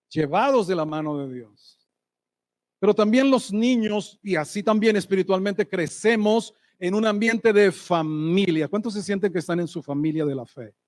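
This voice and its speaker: A man preaching a sermon as pastor, lively and asking the congregation rhetorical questions. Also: high-pitched, no room sound. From Colombia. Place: church hall.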